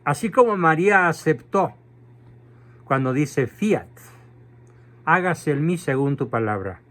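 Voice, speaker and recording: Guy lecturing on church doctrine, slow deliberate delivery, slightly high voice, punchy emphasis. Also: expressive, a bit bright. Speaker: catechism lecturer.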